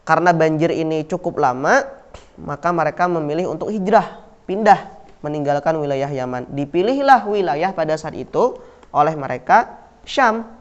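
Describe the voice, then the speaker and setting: This class on Islamic history is led by an Indonesian-accented man with a fairly high, animated voice at a moderate pace. Asking questions and then answering them himself, he repeats key words and frequently drops fillers like "nah." The audio is dull and lo-fi.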